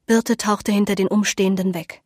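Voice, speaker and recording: A woman narrating an audiobook in a measured, even storytelling manner. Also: mid-range voice, breathy edge, dry recording, studio quality.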